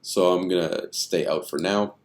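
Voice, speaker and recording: Very deep-voiced man musing over charts. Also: fairly even intonation, unhurried. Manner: rambling, thinking aloud with many fillers. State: tired and yawning. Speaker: stock chart commentator. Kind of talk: casual screen-share chart commentary.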